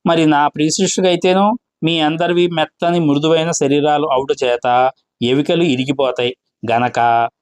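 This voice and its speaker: A man's voice: a little high, steady tone, moderate pace, clean tone, dry recording, lightly acted. A man voicing a boastful, self-important male tutor in a read-aloud play, lecturing in a pompous way.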